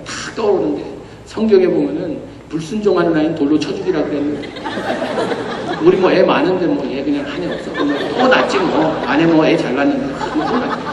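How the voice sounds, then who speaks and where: High-voiced man preaching in an echoey hall. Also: a little fast, a loud crowd, very noisy. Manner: animated, personal storytelling with laughter. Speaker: pastor. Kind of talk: sermon. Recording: echoey hall, distant mic, faint ambience.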